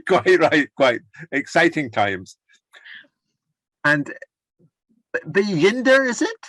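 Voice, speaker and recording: A man's voice: fairly high pitch, huge pitch swings, slow, a bit bright, no echo. An older man leading an online course, chatting encouragingly over a video call and rambling with restarts. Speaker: course leader. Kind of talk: casual chat on a video call.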